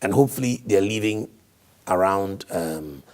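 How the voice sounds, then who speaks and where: A hoarse man whose voice is partly lost, giving emphatic, explanatory interview answers as a diplomat, often posing rhetorical questions. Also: sits low, expressive, a little slow, a little mellow.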